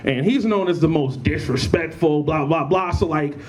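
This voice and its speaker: A young man speaking as a panelist at a convention, animated and laughing often, with lots of restarts. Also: on the high side, normal speed. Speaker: panelist, battle rapper. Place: college event room.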